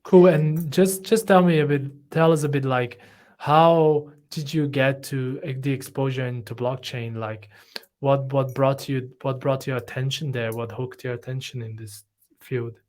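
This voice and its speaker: A man hosts a live online interview at a middle pitch. He talks in a friendly, loose way, often pausing to find his words. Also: steady tone, darkish tone. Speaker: host.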